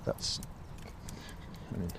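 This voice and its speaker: A man's voice: slow pace, background noise. A man talking in a casual vlog monologue while out walking a dog, rambling with restarts and frequent swearing. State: hot and a little weary while walking. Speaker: vlogger.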